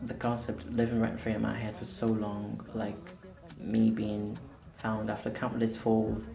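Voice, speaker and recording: Gravelly, candid man with Portuguese as first language. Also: fairly low pitch, monotone, measured pace. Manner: candid, self-deprecating, rambling with fillers. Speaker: singer-songwriter and vlogger. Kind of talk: casual chat to camera. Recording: roomy echo with music behind.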